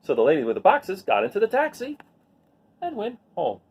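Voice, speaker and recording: A man's voice: high-pitched, fairly quick, slightly rough. A man reading a picture book aloud expressively, with casual asides. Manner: expressive, acts out the lines. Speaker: read-aloud storyteller.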